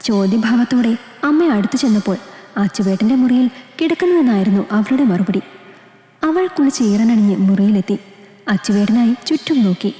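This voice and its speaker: Female storyteller, calm scripted reading, slightly high voice, roomy echo. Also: normal speed. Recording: echoey room, long reverb.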